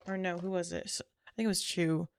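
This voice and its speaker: A woman's voice: lowish voice, steady tone, a little fast, clean tone, no echo, clean studio sound. A woman streamer chatting casually after a game, rambling, trailing off and correcting herself as she goes. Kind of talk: casual chat while gaming.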